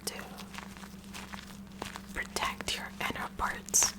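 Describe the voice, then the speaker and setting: This low-quality recording features an ASMR performer voicing a quirky, inquisitive girl from a high school science club. Her breathy, whispered musings come out haltingly, with a clinical fascination and a hushed mood.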